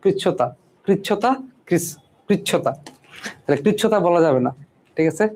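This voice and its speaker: A man's voice: fairly high pitch, animated, brisk, a little mellow, slight background noise. A man teaching a spelling lesson, repeating each word and checking in with "right?" after almost every point. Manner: repeats words and keeps asking "ঠিক আছে?".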